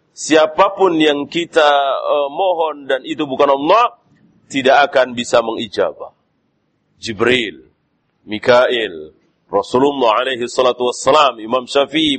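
A man giving a sermon as a preacher, lively in delivery with frequent "ya" and rising stresses. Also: mid-range voice. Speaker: Islamic preacher.

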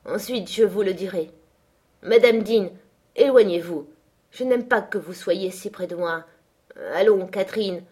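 Cowardly, sickly young man, high and whiny, as a woman narrator puts him on, storybook reading. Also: darkish tone, husky.

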